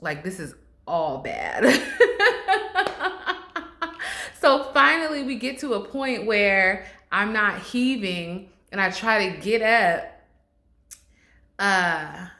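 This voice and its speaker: A young woman telling a storytime vlog, animated and laughing often as she acts out her own panic. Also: medium pitch, slow pace, pauses often, roomy sound. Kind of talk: casual storytime.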